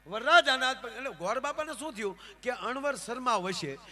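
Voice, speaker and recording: A man's voice: extremely high pitch, lively intonation, fairly quick, pushed and bright. A man with a Gujarati accent telling jokes on stage as a folk comedian, acting out characters in raised voices. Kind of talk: live stage storytelling with jokes. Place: live outdoor folk program.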